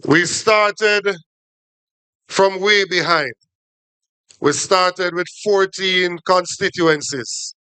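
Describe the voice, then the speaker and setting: A man with a Jamaican accent giving a formal political speech to supporters as a party official, in short deliberate phrases. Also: sits high, sharp tone, smooth, no room sound.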